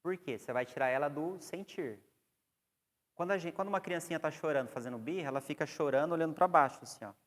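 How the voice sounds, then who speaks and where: A man's voice: on the high side, fast talker. A man with a Brazilian Portuguese accent giving a classroom lecture on psychoanalysis, explaining and putting questions to the class. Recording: long hall reverb.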